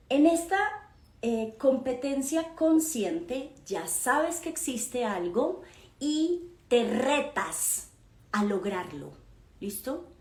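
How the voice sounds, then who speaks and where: Woman, slightly high voice, gives a warm, emphatic motivational lesson in a roomy, echoing space. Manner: affectionate storytelling with diminutives and pet names; emphatic asides to the listener. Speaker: mother and personal-growth speaker. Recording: roomy echo.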